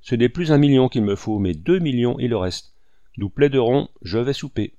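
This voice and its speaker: A man voicing a blunt, gruff army colonel who speaks brusquely and gives orders, in an audiobook reading. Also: mid-range voice, lively intonation, normal speed, warm tone, no echo, highs cut off, close to an everyday voice. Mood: curt. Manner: brusque, commanding.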